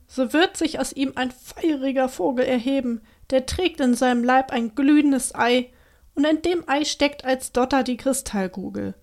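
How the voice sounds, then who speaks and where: A woman reading the lines of a gentle, sorrowful cursed young princess in a soft, earnest storybook way. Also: high-pitched.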